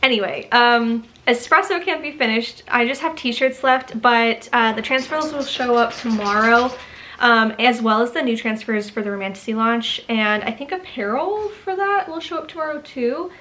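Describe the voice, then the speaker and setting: A young woman with a fairly high, slightly bright voice vlogs to camera from her home studio office about her small business. She speaks at a normal speed but rambles, full of ums and asides, and sounds a bit stuffy from allergies.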